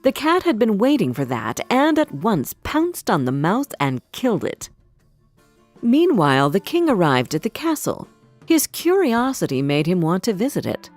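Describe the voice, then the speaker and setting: A woman narrating a fairy tale for children in an expressive storybook manner. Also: medium pitch, moderate pace, no echo, faint music behind.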